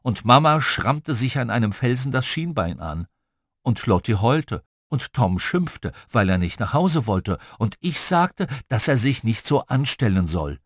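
A man reading a children's story aloud as its first-person narrator, in a playful and expressive storytelling manner. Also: mid-range voice, a little slow, no echo, studio quality. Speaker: audiobook reader.

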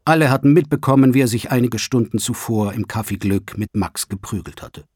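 A man reading a crime novel aloud as a narrator, in a measured, even way, with a husky voice. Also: mid-range voice, no echo, clean studio sound. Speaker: audiobook narrator. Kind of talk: scripted narration.

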